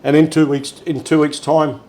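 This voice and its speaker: A man co-hosting a casual chat at home, relaxed and rambling with lots of fillers. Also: fairly high pitch, moderate pace, low-quality recording. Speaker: co-host.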